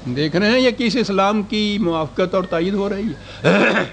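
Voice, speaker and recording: A man's voice: sits high, vocal fry, a little hiss or hum. An older man giving a scholarly lecture, reading out historical quotations and putting rhetorical questions to his audience.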